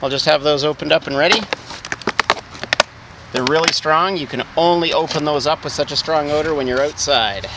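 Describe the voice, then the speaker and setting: Here the speaker is a beekeeping vlogger in his forties, outdoors in a garden beside his beehives, explaining his work step by step in a casual how-to way. His voice runs a little high, his pace is moderate, and background noise can be heard.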